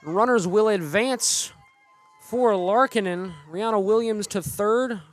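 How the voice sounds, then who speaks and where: A man calling the play-by-play of a game in steady, brisk sports commentary. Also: sits high. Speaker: play-by-play announcer.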